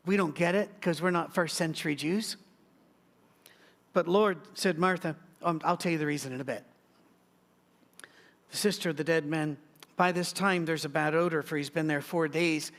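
A man's voice: a little high, steady tone, moderate pace, vocal fry, long pauses, a bit bright. A middle-aged man preaching a sermon, telling stories and slipping in joking asides as he goes through scripture. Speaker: pastor.

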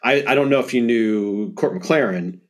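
Man, music teacher, casual chat, thoughtful, hesitant, mid pitch. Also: normal speed. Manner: thoughtful, hesitant, many fillers. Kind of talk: casual conversation.

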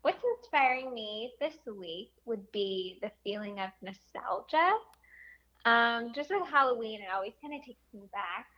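A woman's voice: a little high, lively intonation, unhurried, bright, forceful tone, highs cut off. A woman from Michigan joining a casual podcast chat as a guest over a remote call, friendly and self-deprecating.

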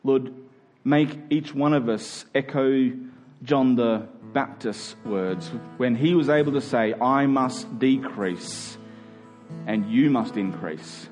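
Soft music plays beneath a medium-pitched, slow, slightly mellow male voice. It's an Australian church pastor giving a sermon in an earnest, conversational way, often asking his listeners questions.

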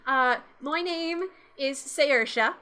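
A woman's voice: sits high, drawn-out words, sharp tone, full character voice. A woman voicing a tiny, peppy female elf with an Irish accent. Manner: bubbly and chatty.

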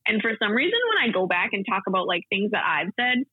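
A young woman co-hosting a podcast, chatting casually with a slightly gravelly voice and lots of fillers. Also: medium pitch, lively intonation, quick pace, no echo. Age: young adult. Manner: chatty, laughs often, many fillers. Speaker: podcast co-host. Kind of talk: casual chat. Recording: tinny phone-like sound.

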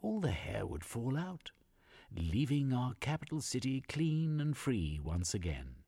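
Man playing an excitable elderly scientist, fussy, high-pitched, husky. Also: unhurried, full character voice. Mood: gleeful scheming. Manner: fussy, excitable, musing hmm. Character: eccentric older male gentleman scientist, gleeful.

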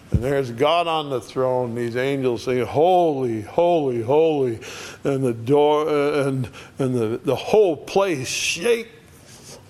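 Slow-talking older male preacher. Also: mid-range voice, darkish tone, a little hiss or hum. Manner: slow, conversational preaching with dramatic quoted voices. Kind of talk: sermon.

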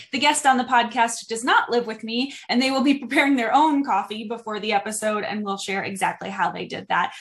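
Woman, podcast host, casual chat, upbeat, chatty, slightly high voice. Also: fairly bright tone. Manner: upbeat and chatty, with many um fillers.

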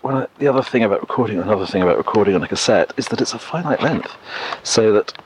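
Out walking in the countryside by an oak tree, a man hosts a casual solo podcast, musing unhurriedly and thinking aloud. His low voice is expressive and quick-paced. It was captured on a portable cassette recorder, giving a rough recording with noise and clicks in the background.

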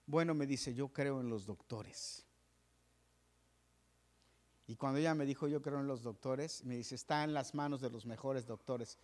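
A male pastor preaching a sermon, telling a story. He drops to hushed whispers and then rises to fervent, raised preaching. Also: medium pitch, unhurried, pauses often.

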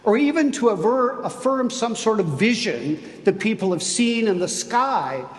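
Bishop preaching in a cathedral: a man with a high voice, slow and emphatic, long reverb. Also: expressive. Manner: deliberate, emphatic preaching with dramatic pauses. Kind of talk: sermon.

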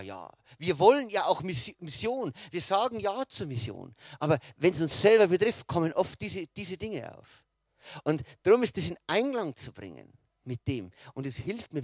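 A man's voice: a little high, no room sound. A man preaching a sermon in a conversational way, often checking in with his listeners and restarting his phrases.

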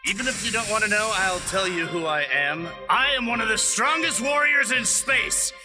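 Pompous boastful space warrior, big swings. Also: male voice, sits high, expressive, moderate pace. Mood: indignant bragging. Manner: pompous, grandly self-declaring. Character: boastful, heroic armored super-soldier man. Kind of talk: comedic animated dub acting. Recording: loud music behind the voice.

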